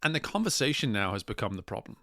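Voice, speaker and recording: A man speaking as a coach and host in a motivational monologue, deliberate and emphatic, repeating key phrases. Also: on the low side, big pitch swings, bright, forceful tone, no echo, clean studio sound.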